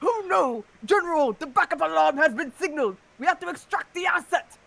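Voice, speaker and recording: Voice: very high voice, animated, a little fast, creaky, a bit bright, voice pushed up, heavily acted. Someone voicing an earnest muscle-bound captain. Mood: urgent. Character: muscular, earnest male captain.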